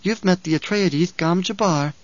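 A serene, unsettling little girl, put on by a male narrator, speaking slowly and with eerie composure. The voice is lifted higher than usual. The audiobook sound is dry and slightly muffled. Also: dry recording, close to an everyday voice. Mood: calm, eerie. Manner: slow, measured, serene. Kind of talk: audiobook character voice. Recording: dull, dry studio recording.

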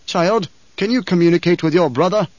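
An angry, imperious emperor, as a male narrator plays him, barking commands with loud scorn. The voice sits a little high. A dry, slightly dull studio recording. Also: a little fast, no echo, lightly acted. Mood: commanding, angry. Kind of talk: audiobook character voice.

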